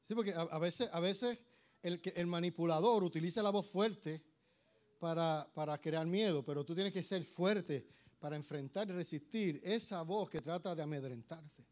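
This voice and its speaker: A man preaching a sermon, his voice slightly hoarse, animated and acting out voices. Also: a little high, moderate pace. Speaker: pastor.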